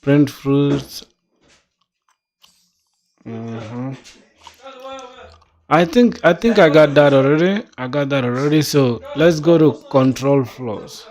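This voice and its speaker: Coding and thinking aloud, this young South Sudanese man, who taught himself to program, reads docs out loud and chats casually, dropping "bro" here and there. He takes it slowly and pauses often, in a medium-pitched, darkish voice.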